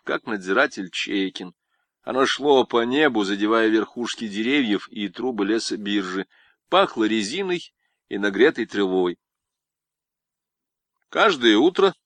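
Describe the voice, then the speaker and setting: Male narrator for literary prose; expressive, animated pitch, dry studio sound. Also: no room sound. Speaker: audiobook narrator.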